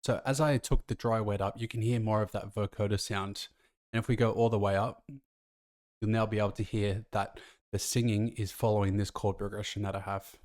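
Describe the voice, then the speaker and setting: Acting as a tutor, a man casually explains music production, walking through each step of a tutorial. His voice is lowish and brisk with a flat delivery, and faint music from the track plays in the background.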